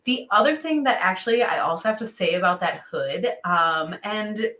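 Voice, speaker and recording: Upbeat female co-host, bright tone, chatty livestream delivery, roomy echo. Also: medium pitch, expressive, moderate pace. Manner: chatty, upbeat, laughs often, many "um"s. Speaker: co-host of a fishing show. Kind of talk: casual gear chat on a livestream.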